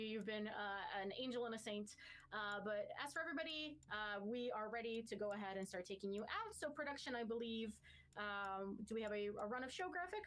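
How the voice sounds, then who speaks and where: A woman's voice: fairly high pitch, a bit bright. A woman hosting a livestream post-show, chatty and upbeat as she reads out viewer questions.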